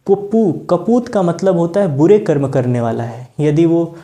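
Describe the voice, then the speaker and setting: A man teaching a Hindi grammar lesson, explaining patiently, repeating key words and reciting verse lines slowly. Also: fairly high pitch, dark tone.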